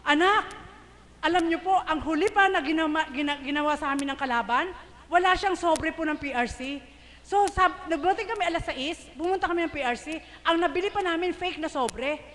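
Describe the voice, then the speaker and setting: A woman's voice: high voice, fairly quick, a bit bright, a little hiss or hum. A middle-aged woman giving an emotional spoken testimony to a congregation, laughing often and calling out to the crowd. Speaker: church member giving testimony. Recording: live stream in a reverberant hall.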